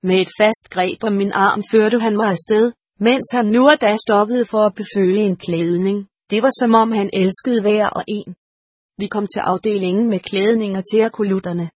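Husky woman narrating an audiobook. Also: mid-range voice, steady tone, a little mellow, no echo, clean studio sound. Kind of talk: first-person audiobook narration.

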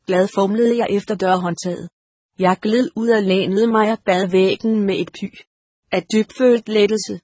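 A woman reads a first-person story aloud in a steady, measured voice. Her tone is slightly breathy and sits at a middle pitch, recorded close and dry with no room sound. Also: no echo. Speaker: audiobook narrator. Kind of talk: first-person audiobook narration.

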